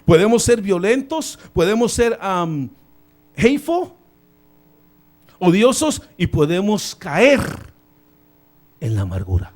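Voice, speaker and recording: A man preaches in a church, his fairly high voice climbing for emphasis and then dropping to quiet asides. He is lively and informal, tossing in English phrases as he leads the congregation through scripture. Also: slow pace, pauses often. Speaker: pastor. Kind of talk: sermon. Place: church sanctuary.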